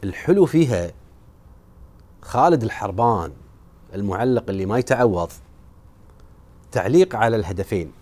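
Give me a man presenting football highlights, relaxed and storytelling, fairly low voice. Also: normal speed, pauses often. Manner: storytelling, relaxed, fond of old matches. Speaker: sports show presenter.

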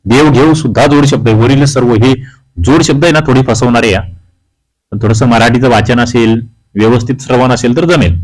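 A man's voice: mid-range voice, steady tone, fairly quick, rough recording. A man teaching exam prep from Maharashtra, reading each question and its options aloud and then explaining the answer. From Maharashtra, India. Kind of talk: quiz walkthrough lesson.

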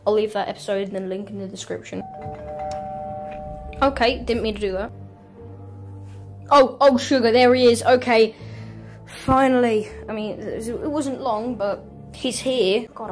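A woman playing a horror game from her bedroom, with excitable, squealing commentary and sudden yelps. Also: fairly high pitch, moderate pace. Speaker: gaming YouTuber. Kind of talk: excitable let's-play commentary. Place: home bedroom. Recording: faint game music behind.

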